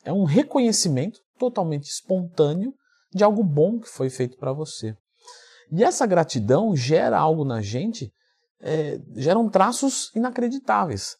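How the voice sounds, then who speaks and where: A man from Brazil, a fitness coach and YouTuber, telling a story in a vlog with lively acted-out dialogue. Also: high-pitched, husky. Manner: animated storyteller who acts out quoted dialogue.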